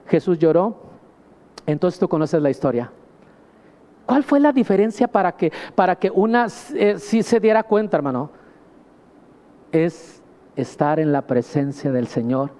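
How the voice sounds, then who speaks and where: A man delivers a sermon from the pulpit, his voice riding high for a man. He is emphatic and keeps calling the congregation "brother." The sound rings with the long reverb of a church hall. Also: dark tone. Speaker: pastor.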